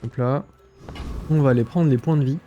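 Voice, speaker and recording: A man's voice: medium pitch, moderate pace, mellow, muffled recording, a little hiss or hum. A man with a stuffy nose, thinking aloud with many fillers as he comments on his gameplay. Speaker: gaming streamer.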